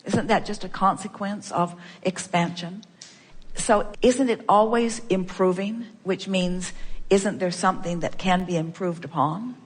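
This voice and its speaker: A woman's voice: on the low side, a little slow, long reverb tail. A woman giving an emphatic spiritual seminar talk, repeating phrases for emphasis and speaking as "we". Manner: emphatic, repetitive, speaks for a collective "we". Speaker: spiritual teacher.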